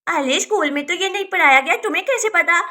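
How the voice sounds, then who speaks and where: A woman's voice: extremely high pitch, fast, sharp tone. A woman voicing a mischievous schoolgirl who plays teacher, teasing and bossy, in a doll story.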